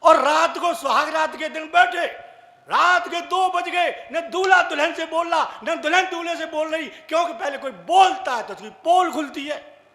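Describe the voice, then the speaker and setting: A male comic storyteller with a very high, bright voice spins his tale slowly and theatrically. The sound comes from a big hall with long reverb. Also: gravelly. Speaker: comic poet performing on stage. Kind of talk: live stage comedy storytelling. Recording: echoey hall.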